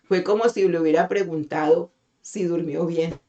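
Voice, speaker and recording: A middle-aged woman pastor gives a devotional sermon over an online meeting call. Her voice sits low, and she talks expressively, pausing often to put rhetorical questions to her listeners. She slows down whenever she reads scripture aloud. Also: warm tone, highs cut off.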